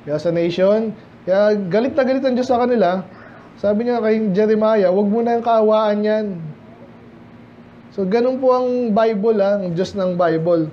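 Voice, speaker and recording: Male pastor, Filipino accent, fairly high voice, verse-by-verse Bible teaching, slow English scripture reading, muffled recording with faint hiss. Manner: reads King James verses slowly in English, then explains in Taglish. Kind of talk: verse-by-verse Bible study preaching. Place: church sanctuary, indoors.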